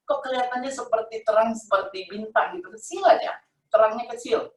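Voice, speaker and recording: A woman's voice: a little high, expressive, brisk. A middle-aged woman tells her personal faith testimony in an emotional, conversational way, often repeating herself. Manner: emotional, repetitive, conversational storytelling. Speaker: testimony giver. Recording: roomy sound from a distant mic.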